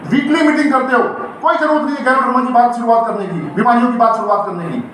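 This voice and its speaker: A man's voice: very high voice, fast, fairly bright tone. A middle-aged man giving a motivational training seminar on direct selling to a live audience, calling out questions for the crowd to answer. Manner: call-and-response with the crowd, emphatic and rousing. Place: indoor event hall before an audience. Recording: very echoey hall, distant mic, faint noise.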